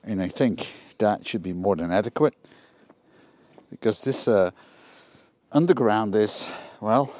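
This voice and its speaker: A middle-aged man casually explaining a DIY renovation step by step while working outdoors, practical and a little halting with ums and uhs. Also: on the low side, darkish tone, no room sound. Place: outdoors in a garden yard.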